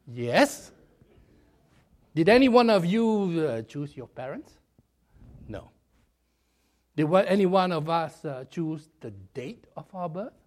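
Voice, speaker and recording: This preacher's voice sits on the high side, and he moves slowly with frequent pauses, a little hoarse and raspy after a cold. His sermon is lively and conversational, mixing jokes at his own expense with long stories.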